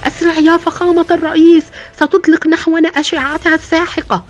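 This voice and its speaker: Woman doing a panicked shouting defense minister. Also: very high-pitched, flat delivery, fast talker, slight background noise, voice pushed up. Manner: shouting urgently. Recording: dull lo-fi with background music.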